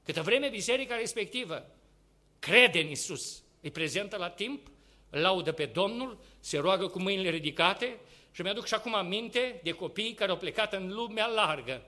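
A male preacher with a high, very bright, piercing voice delivers an expressive sermon, swinging between loud, urgent exhortation and quiet, hushed asides. He keeps asking the congregation rhetorical questions.

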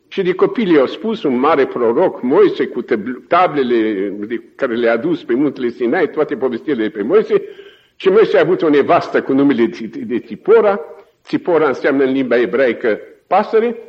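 A man preaching a sermon, telling stories in an animated way and often chuckling. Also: a little high, dull audio.

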